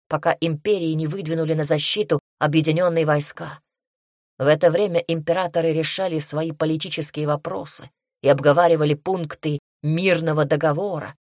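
A woman narrating a fantasy audiobook in a measured, even reading. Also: low voice, breathy edge, dry recording, studio quality.

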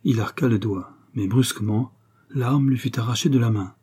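A man narrating a French literary story as an audiobook, in a measured, even way. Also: medium pitch, breathy edge.

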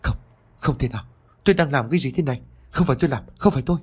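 A man voicing a frantic middle-aged village official who shouts in panic in a spoken ghost story. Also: medium pitch, racing, breathy edge, pitched above the performer's own voice. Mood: panicked.

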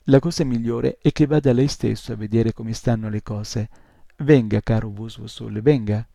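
A man voicing a tiny, polite male creature who explains things softly and with a touch of smugness. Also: mid-range voice, steady tone, moderate pace, creaky, dry recording. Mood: polite explaining. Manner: soft, courteous, slightly smug.

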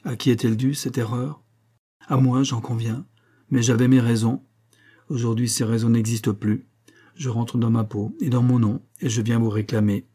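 A bitter husband back from the dead makes his claim in a hard, imperious, cynical tone, as a man reads him aloud in an audiobook. The voice is dark and a little husky, and the lines come in cold, clipped statements of his rights. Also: medium pitch, little pitch movement, normal speed, close to an everyday voice. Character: bitter middle-aged husband returned from the dead. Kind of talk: audiobook character reading.

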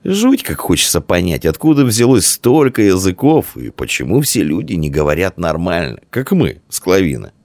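A man voicing an eager, bossy village boy who shouts and gives commands in a storybook reading. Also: sits low, huge pitch swings, normal speed, few pauses, no echo, full character voice.

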